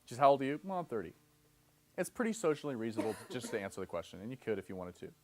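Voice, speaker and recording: In a sing-song, rapid-fire delivery at medium pitch, with a little hiss or hum in the audio, a man in his thirties gives a live seminar lecture. He goes step by step, often pauses for an "okay?", and plays both speakers in example dialogues.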